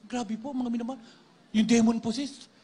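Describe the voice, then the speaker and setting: A man with a notably high voice gives an emphatic testimony before a congregation. He keeps turning to the listeners and addressing them directly as he tells it. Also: level tone, normal speed, warm tone, slightly rough. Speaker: church member giving testimony.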